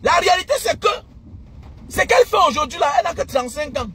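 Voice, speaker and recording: A middle-aged man giving emphatic, repetitive life advice in a casual preachy monologue, sometimes breaking into shouts. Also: very high-pitched, very animated, fast talker, a little hiss or hum. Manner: emphatic, lecturing, repeats phrases, bursts of shouting.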